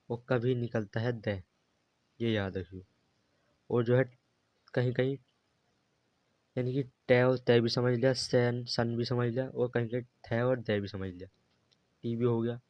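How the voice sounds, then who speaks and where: A man teaching a beginners' phonics lesson, spelling each word out slowly and patiently. His voice stays level with little rise and fall. The recording is dry and a bit dull, like a cheap mic. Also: medium pitch, fairly even intonation, dry recording. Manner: patient, repetitive, spelling words out letter by letter.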